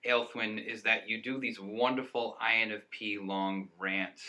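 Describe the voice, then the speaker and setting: Bright-voiced enthusiastic man chatting. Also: on the low side, fairly even intonation, a little slow. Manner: rambling, enthusiastic, laughs often. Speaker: co-host. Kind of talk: casual chat.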